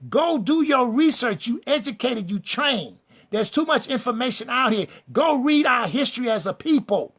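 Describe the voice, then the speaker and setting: A man's voice: very high voice, lively intonation, normal speed, a bit bright. A man preaching a fiery sermon-style lecture. He is emphatic and repetitive, speaks straight to his listeners, and builds lists and refrains for rhythm. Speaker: preacher and teacher.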